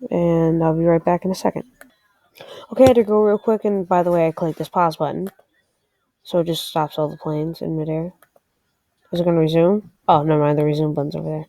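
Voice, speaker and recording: Her voice sits low and mellow, intonation fairly even, pace fairly quick, as she gives casual screen-recorded game tutorial commentary, thinking out loud with a touch of hesitation. There's no room sound.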